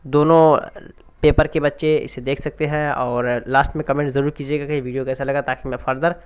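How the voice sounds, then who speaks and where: Smooth-voiced man teaching grammar. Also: medium pitch, little pitch movement, brisk. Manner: explains step by step, asks and answers own questions. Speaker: Urdu language teacher. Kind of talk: exam prep grammar lesson.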